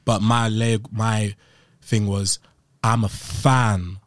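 Deep-voiced London roadman, casual and dry-sounding. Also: little pitch movement, takes it slowly, dry recording. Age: late 20s. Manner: London roadman slang delivery. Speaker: video editor being interviewed. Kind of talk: casual conversational interview.

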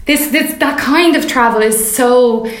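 A woman's voice: sits high, unhurried. A woman with a west of Ireland accent talks in an easy, conversational way. She tells anecdotes by voicing little imagined remarks. The recording is roomy, with noticeable echo around her voice. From Mayo, Ireland. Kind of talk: casual chat. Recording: roomy, echoing sound.

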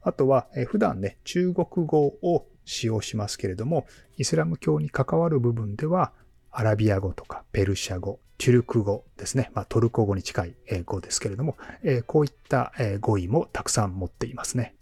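A man hosting a Japanese-language podcast, interviewing a former student and calmly explaining background for learners. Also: medium pitch, a little fast, vocal fry, slightly rough, no room sound. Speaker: podcast host and Japanese teacher.

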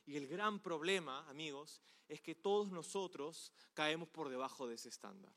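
A man's voice: a little high, animated, moderate pace, a bit bright. A male pastor giving a conversational sermon, often asking the audience rhetorical questions. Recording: long hall reverb.

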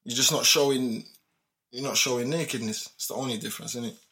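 A man's voice: medium pitch, fairly even intonation, fast talker, bright, forceful tone. A young man with a London roadman accent debating casually on a podcast, full of slang and tag questions. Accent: London roadman, multicultural street English. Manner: repeats tag questions and checks he is understood. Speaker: podcast speaker.

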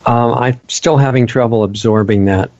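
A man's voice: medium pitch, moderate pace, darkish tone, no room sound. A man hosting a radio talk show, agreeable and earnest as he chats with his guest. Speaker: radio host. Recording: dull lo-fi audio.

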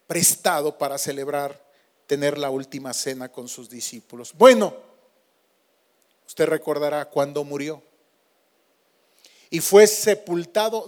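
A man preaching a sermon, swinging between loud emphatic lines and hushed, slowed words. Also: high voice. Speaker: pastor.

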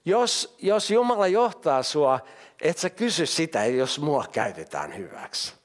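A man's voice: fairly high pitch, sing-song. An older man preaching a sermon, asking emphatic rhetorical questions and reading scripture aloud.

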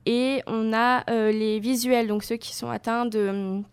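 A woman's voice: on the high side, fairly even intonation, takes it slowly, clear, resonant tone. A young woman, an athlete guest, answering interview questions casually and searching for her words. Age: young adult. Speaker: para-surfing champion guest.

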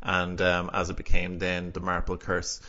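A man's voice: sits low, monotone, moderate pace, pushed and bright, highs cut off. A man with a west of Ireland Galway accent, hosting a casual podcast chat. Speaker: podcast host.

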